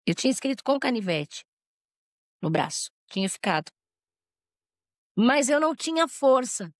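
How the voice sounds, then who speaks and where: A woman giving an emotional personal testimony as an interview guest, halting and tearful, with restarts and quoted voices. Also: on the high side, big pitch swings, no room sound, clean studio sound. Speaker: interview guest telling her life story.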